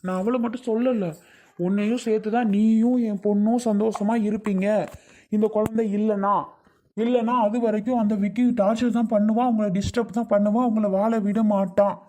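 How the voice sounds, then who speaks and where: A man's voice: sits high, steady tone, fairly quick, mellow, lightly acted. A man playing a pleading father-in-law. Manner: coaxing, insistent, repeats his pleas. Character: older man, father-in-law pressing a decision. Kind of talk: family drama skit.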